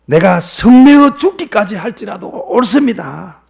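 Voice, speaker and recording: A man voicing an indignant, sulking prophet who complains in a shrill, raised voice during a sermon. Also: huge pitch swings, moderate pace, gravelly, fairly bright tone, slightly rough, full character voice. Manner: shrill, high-pitched complaining.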